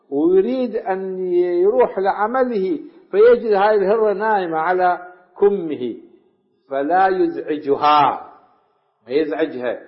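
A man preaching a sermon, telling stories that drop to a hush and rise for emphasis. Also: high voice. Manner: storytelling, dropping to hushed tones and rising in emphasis. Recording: echoey, dull lo-fi recording.

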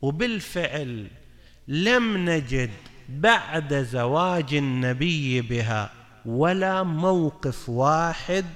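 A man's voice: a little high, lively intonation, takes it slowly, a bit bright. Man preaching in a reverberant hall. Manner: mixes formal Arabic with colloquial asides, asks listeners questions. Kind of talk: religious lecture.

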